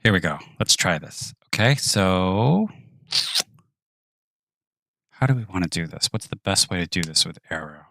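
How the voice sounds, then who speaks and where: Male streamer, deep voice, close and dry, muttering commentary while he works. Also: animated, measured pace, vocal fry, long pauses, bright, forceful tone, no room sound. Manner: thinks aloud, muttering and whispering to himself. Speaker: 3D artist streaming his work. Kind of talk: live-stream narration of work.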